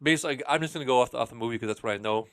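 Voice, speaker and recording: A man hosting a podcast in casual chat, relaxed and joking, sometimes hesitant. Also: mid-range voice, very fast, no room sound, clean studio sound. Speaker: podcast host.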